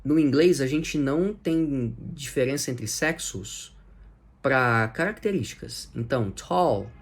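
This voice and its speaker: A man with a Brazilian Portuguese accent teaching English grammar, patiently repeating example phrases slowly. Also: mid-range voice, expressive.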